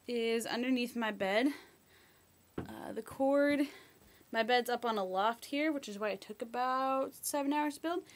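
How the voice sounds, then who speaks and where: A young woman chatting casually through a room tour in a small bedroom, rambling through everyday details, recorded on a laptop mic. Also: fairly high pitch. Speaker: vlogger. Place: small bedroom in a shared house. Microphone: laptop built-in mic, carried around.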